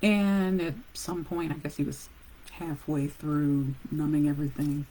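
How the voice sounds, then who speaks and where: A woman who works as a nurse, casually telling a personal story with animated pauses and laughs. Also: sits low, slight background noise, low-quality recording.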